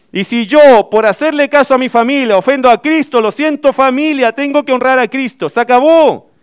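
Emphatic high-voiced pastor. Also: male voice, smooth, dry recording, clean studio sound. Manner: emphatic preaching with rhetorical questions. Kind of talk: sermon.

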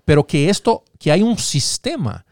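A man talking politics in a casual discussion, with a fairly high voice and a very lively pitch that leaps as he argues. He keeps asking rhetorical questions and restarting his sentences. The sound is dry and close. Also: moderate pace, no echo. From Latin American roots, raised in the United States.

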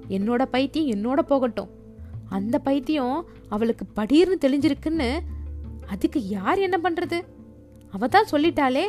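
Stern middle-aged son, read by a woman; snapping, shouting, unbending, in a story reading. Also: sits high. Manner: shouting, curt. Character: angry middle-aged son, harsh and rigid.

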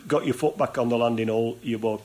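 A man's voice: mid-range voice, steady tone, fast talker, a little mellow. A man hosting an interview, chatting casually and recounting background stories to his guest. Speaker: interviewer and host. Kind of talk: casual chat.

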